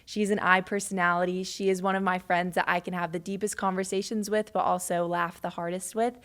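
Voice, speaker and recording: A woman's voice: fairly low pitch, little pitch movement, a little fast, a bit bright. A woman co-hosting a ministry podcast, explaining things conversationally. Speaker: podcast co-host. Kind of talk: casual ministry podcast discussion.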